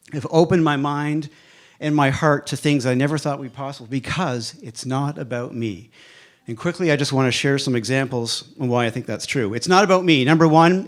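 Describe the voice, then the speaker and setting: A man of fifty giving a motivational speech to a live audience, emphatic, with a repeated refrain and dramatic pauses. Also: fairly high pitch. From Canada. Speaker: speaker at a live evening event.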